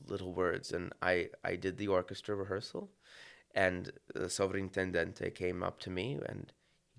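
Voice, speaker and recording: Interviewed on a podcast, a conductor speaks reflectively, with many fillers and frequent restarts. His voice is low and gravelly, with a fairly bright tone.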